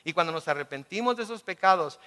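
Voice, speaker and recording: A man preaches a sermon at a church service, his voice a little high and very bright. He asks his listeners questions and answers them with homely examples. A long reverb from the large room trails behind his words. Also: animated, fast, clean tone. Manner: explains by asking the congregation and answering with everyday examples. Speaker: pastor.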